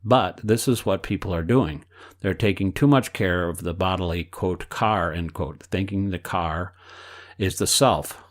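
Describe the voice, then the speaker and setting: Reading aloud an elderly male spiritual teacher's answers, a man keeps a measured pace and voices the quote marks. His voice is deep, and his mood is explanatory.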